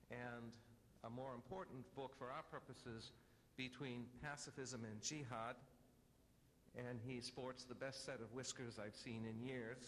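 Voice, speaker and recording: A man at a conference podium with a mid-range voice, speaking in a measured way and slipping in dry, wry jokes between introductions. The sound carries a long reverb from a large hall, with faint ambient noise underneath. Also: medium pitch, fairly bright tone. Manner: dry wry humor, measured delivery with self-corrections. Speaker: panel moderator and speaker. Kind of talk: academic panel introduction and lecture. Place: conference room.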